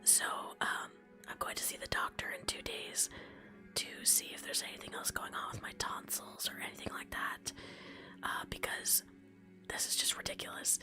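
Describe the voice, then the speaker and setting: Hoarse whispering woman streamer. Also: very high-pitched. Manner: whispering, rambling and self-deprecating. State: hoarse after illness. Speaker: streamer and content creator. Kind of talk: casual live-stream chat.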